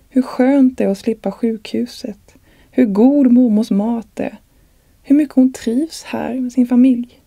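A woman, the author, reading aloud from her own novel in a calm, measured way. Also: on the high side, no echo.

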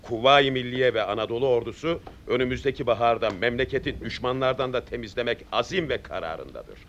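An actor playing a stern, resolute middle-aged army captain, speaking in measured, authoritative, oratorical sentences in a period film. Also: male voice, mid-range voice, animated, a bit bright, a little hiss or hum. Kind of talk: period film drama acting.

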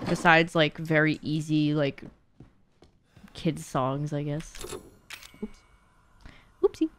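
A young woman streams a horror game from an indoor streaming room at home, chatting casually and playfully and breaking into singing and silly sounds. Her voice sits low with a steady tone and slow pace, over slight background noise.

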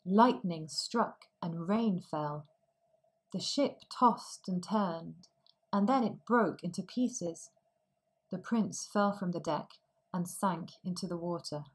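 A woman narrating a fairy tale slowly and clearly for language learners. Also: lowish voice, low-quality recording. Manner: slow, clearly articulated. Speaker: storyteller.

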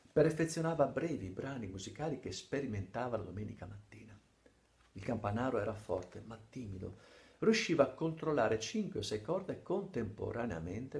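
A middle-aged man from Italy reading his own story aloud with theatrical storytelling, acting out the quoted voices and dropping to hushed asides. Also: on the low side, gravelly.

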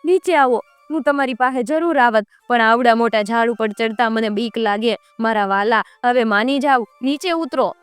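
High, pleading, tearful, wheedling storybook demoness, as a woman narrator puts her on. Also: big pitch swings, brisk, no room sound, soft background music. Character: shape-shifting demon goat as a pleading beautiful woman.

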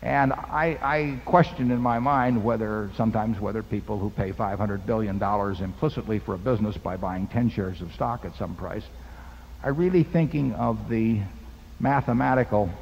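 The dull, lo-fi hall recording, long on reverb and carrying a little hiss or hum, catches an older chairman at a stage table microphone. Speaking at medium pitch and normal speed with vocal fry, he explains investing to shareholders off the cuff, using a folksy parable and basic math.

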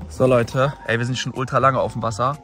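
A young man vlogging from a boat on cold water, loud and exclaiming to his viewers, freezing and shivering. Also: mid-range voice, level tone, fairly quick, soft background music. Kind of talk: excited outdoor challenge vlog.

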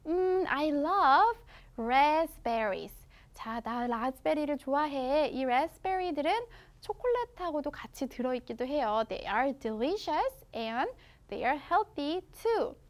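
A young woman with a Korean accent reading a children's English picture book aloud, stretching the English words slowly and explaining quickly in between, in an encouraging teacher's tone. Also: sits high, big pitch swings.

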